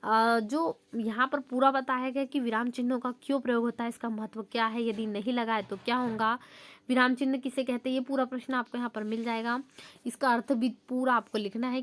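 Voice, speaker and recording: Higher-pitched woman explaining exam answers. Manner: steady explanatory, reads sample sentences aloud. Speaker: teacher.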